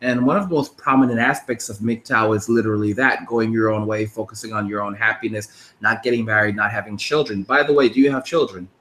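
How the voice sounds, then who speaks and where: A man's voice: on the low side, steady tone, brisk, hardly any pauses, a bit bright, roomy sound. A man in his thirties hosting a casual interview, rambling, with frequent restarts. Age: 30s. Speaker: podcast host.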